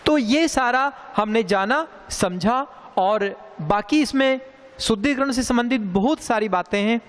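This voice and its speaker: A man teaching a grammar lesson, speaking slowly and deliberately and repeating sounds for emphasis. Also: extremely high pitch. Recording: long hall reverb.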